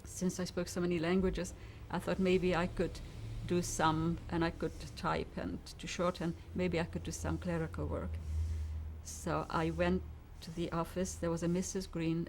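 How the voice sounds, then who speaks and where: A woman's voice: lowish voice, level tone, moderate pace, vocal fry, a little mellow, a little hiss or hum. Elderly woman telling her story. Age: 90s. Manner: vivid storytelling, acting out dialogue. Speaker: interviewee. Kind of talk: oral history testimony.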